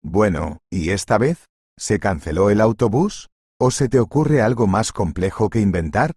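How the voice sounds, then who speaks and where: A man's voice: fairly low pitch, lively intonation, normal speed, a little mellow, husky, no room sound, studio quality. A man voicing a petty, spiteful male restaurant manager who talks in a sneering tone in a storybook reading. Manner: sneering, mocking.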